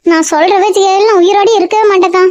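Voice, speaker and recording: A woman's voice: very high voice, steady tone, fast, a little mellow. A woman playing a distraught mother who pleads and wails, on a dull, dry recording. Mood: determined. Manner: wailing, pleading. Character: distraught mother, emotional and stubborn.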